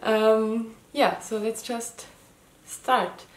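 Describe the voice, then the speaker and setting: Extremely slow and flat in delivery, her voice sits fairly high. This native German speaker in her thirties, with a slight Austrian German accent, chats casually and hesitantly to camera in her first knitting video podcast, using many ums and restarts. She's at home in an echoey living room, filmed head and shoulders with a camera mic.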